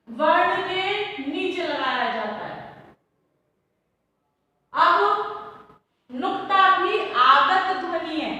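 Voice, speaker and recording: A woman teacher giving a Hindi lesson, saying each word slowly and repeating it, often asking the class if it is clear. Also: extremely high pitch, pushed and bright. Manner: slow, repeats each word for pupils, checks understanding. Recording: echoey classroom, voice from far off.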